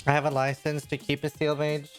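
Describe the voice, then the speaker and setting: Male streamer, slightly raised pitch, rambling casual delivery. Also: monotone, brisk, faint music behind. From Norway. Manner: rambling, chatty, with many fillers and restarts. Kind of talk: casual chat while streaming a game.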